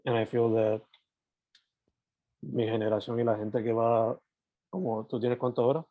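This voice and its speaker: A thirty-year-old man with a mid-pitched voice, interviewing in an easygoing, affirming way. The recording is dull and lo-fi. It is also dry and close. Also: fairly even intonation, measured pace, no echo. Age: 30s. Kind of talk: casual interview, mixing Spanish and English.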